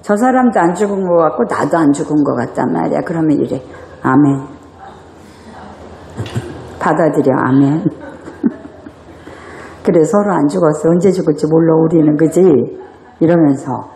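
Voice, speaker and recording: A woman pastor preaching a sermon in a church, animated and full of rhetorical questions. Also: sits low, normal speed, gravelly, roomy sound, a little hiss or hum. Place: church sanctuary.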